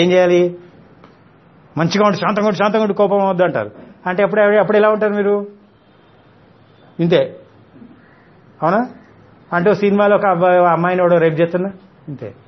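Spiritual teacher, male, high voice, fiery rhetorical scolding, dull lo-fi recording. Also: fairly quick, long pauses. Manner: scolding, rhetorical questions, mixes in English words. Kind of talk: spiritual discourse to an audience.

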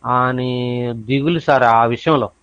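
A man's voice: mid-range voice, fairly even intonation, slow, a bit bright, clear, resonant tone, no echo. A man earnestly recounting a spiritual experience to his teacher, repeating himself as he searches for words. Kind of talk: personal account to a teacher. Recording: dull lo-fi dry recording.

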